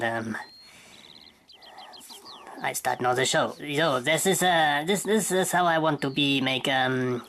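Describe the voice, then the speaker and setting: A woman's voice: low voice, fairly bright tone, slight background noise. A woman hosting a drawing tutorial, talking her way through a sketch and searching for words in English as she goes. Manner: thinking aloud while sketching.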